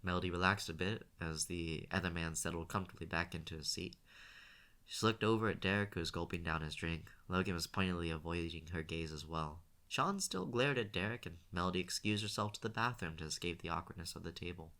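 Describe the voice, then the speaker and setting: A man reading a novel aloud as an audiobook, in a low, bright voice. His pace is steady, with the odd restart when he stumbles over a word. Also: a little fast. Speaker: audiobook reader.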